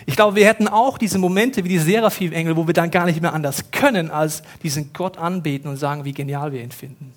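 A middle-aged man preaching a sermon in a casual, slangy way, talking straight to the congregation and acting out quotes with sudden loud rises. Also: a little high, fast, few pauses. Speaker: pastor.

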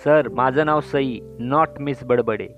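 A man's voice: mid-range voice, takes it slowly, fairly bright tone. A man voicing a teasing, cheeky young college girl in a storybook reading, her voice raised and playful, on a dull lo-fi recording with faint music. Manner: playful, mocking, drops into filmy Hindi lines.

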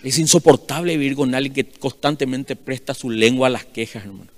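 Loud pastor guy, big echoey hall, swells up then drops way down. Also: mid-range voice, a little fast. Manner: loud, emphatic preaching with sudden swells and drops. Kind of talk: sermon. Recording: long hall reverb.

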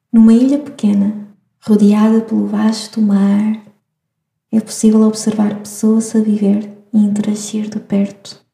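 A woman with a European Portuguese accent gives a spiritual astrology talk in a slow, reflective, soft-spoken way. Her voice is deeply mellow and dark, with little rise and fall. The room around her carries a clear echo. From Madeira, Portugal. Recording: echoey room.

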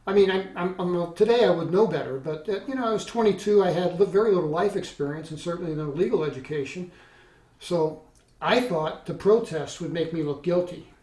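Middle-aged male guest, slightly high voice, halting storyteller, distant roomy recording. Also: darkish tone. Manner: halting, many restarts and fillers. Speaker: interview guest recounting experience. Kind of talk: conversational storytelling.

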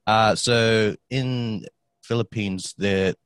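A man's voice: on the low side, fairly even intonation, drawn-out words, a bit bright, clear, resonant tone, dry recording. A man, a podcast guest talking casually and rambling with many fillers. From Australia. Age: 20s. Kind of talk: casual conversation.

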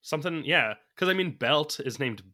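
A man's voice: fairly high pitch, animated, moderate pace, sharp tone. A man chatting casually about a movie as a podcast co-host, thinking aloud from his notes and laughing often. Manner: laughs often while talking.

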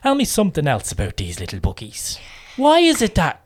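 A middle-aged Irish woman hosting a relaxed chat, her voice sitting low for a woman yet swinging widely up and down. She is playful and encouraging, firing off quick questions. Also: slightly rough. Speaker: host interviewing a child about books. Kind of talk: casual chat.

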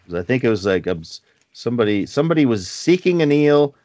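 A forties-aged man co-hosting a podcast talks casually and quickly in a mid-range, darkish voice with big swings in pitch, drifting off on tangents and laughing softly along the way. The audio is dry but a little muffled.

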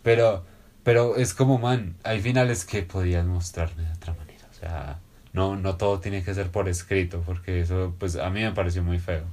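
A man's voice: sits low, fairly even intonation, normal speed, a little mellow. A young adult man with a Colombian accent, hosting a casual podcast chat about a TV series, slangy and emphatic, swearing often. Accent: Colombian Spanish. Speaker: podcast host.

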